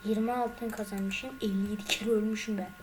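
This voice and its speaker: A woman's voice: medium pitch, flat delivery, a little fast, noisy background. A young woman commenting on her gameplay as a gaming YouTuber, talking to her viewers and getting more and more frustrated. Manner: increasingly frustrated, exclaiming.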